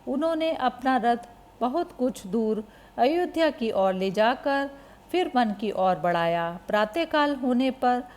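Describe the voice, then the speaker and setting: Slow, measured woman narrating scripture. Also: on the high side, lively intonation, a little mellow.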